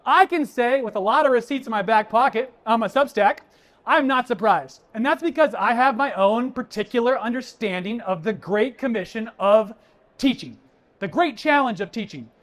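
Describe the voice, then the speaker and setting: A man's voice: very high-pitched, animated, normal speed, a bit bright. A man giving a keynote at a conference, emphatic and conversational, talking straight to the audience. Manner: punchy, conversational, addresses the audience as folks. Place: conference stage before an audience.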